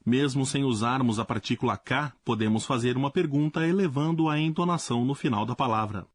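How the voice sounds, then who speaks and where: Husky male language teacher, dry sound. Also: mid-range voice, brisk, no room sound. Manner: clear, explanatory. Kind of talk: scripted lesson narration.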